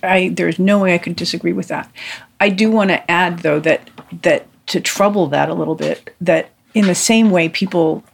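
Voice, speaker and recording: A podcast co-host in a casual discussion, talking fast with frequent restarts and offhand swearing. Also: medium pitch, fairly even intonation, creaky, slight background noise.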